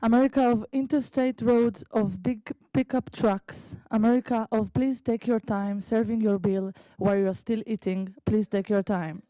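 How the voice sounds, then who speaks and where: A woman from Israel, a native Hebrew speaker, slowly reading her own prose poem at an open mic in a library meeting room, with halting asides. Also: medium pitch, fairly even intonation, mellow, no echo, low-quality recording. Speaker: visiting writer reading her piece.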